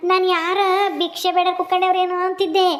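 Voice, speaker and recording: A simple-minded grown village son, acted by a woman, who coaxes and pleads with his mother. His voice is very high and his words come quickly. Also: monotone. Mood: coaxing. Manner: coaxing, pleading.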